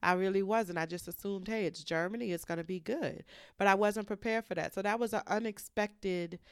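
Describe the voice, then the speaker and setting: A woman's voice: mid-range voice, brisk, clean tone, no echo, clean studio sound. Chatty woman podcast host. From United States. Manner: chatty, animated retelling with quoted voices. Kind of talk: casual storytelling monologue. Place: hotel room.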